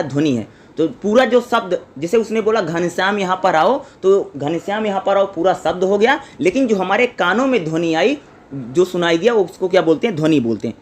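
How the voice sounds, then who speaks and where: A man pitched well above most men, teaching an exam-prep lecture. He keeps putting questions to his listeners and answering them himself. Now and then he slowly sounds out syllables, one after another.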